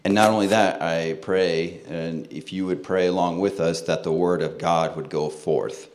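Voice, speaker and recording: A man with a General American accent addressing a church congregation, pausing for an interpreter. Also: low-pitched, steady tone, darkish tone. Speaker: guest speaker at a church. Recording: echoey room with faint noise.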